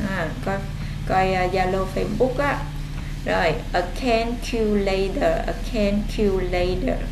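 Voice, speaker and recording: A woman English tutor, teaching vocabulary slowly and drawing out each model word between explanations. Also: mid-range voice. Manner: slow, drawn-out model pronunciation alternating with explanation. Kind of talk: online English vocabulary lesson. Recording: echoey room with faint background noise.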